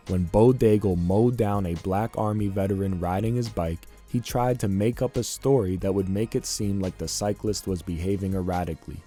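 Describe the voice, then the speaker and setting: A man with a very low, mellow voice delivers scripted commentary, steady and indignant. Soft music plays faintly underneath. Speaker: commentary narrator. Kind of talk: scripted narration.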